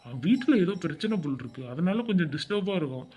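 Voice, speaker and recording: A man voicing a loyal male college friend in a cartoon, loud and rebuking, with a fast delivery. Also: fairly high pitch, sing-song, breathy edge. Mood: reassuring. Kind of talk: cartoon voice acting.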